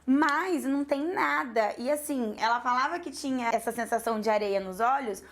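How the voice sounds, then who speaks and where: A Brazilian woman, a makeup artist, telling her students a client story in an animated way, acting out the dialogue. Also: a little high, moderate pace. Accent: Brazilian Portuguese. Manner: lively, animated retelling with quoted dialogue and laughs.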